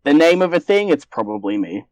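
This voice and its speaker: Animated man, casual tabletop player. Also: a little high, brisk, no echo. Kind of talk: casual chat.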